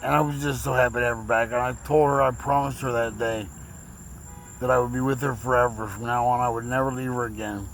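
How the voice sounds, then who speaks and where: A man's voice: mid-range voice, steady tone, fast talker, a bit bright, soft background music, poor audio. A man telling his own story in a rambling, emotional way, his speech slurred after a recent stroke. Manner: rambling, repeats words, emotional. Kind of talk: casual personal storytelling.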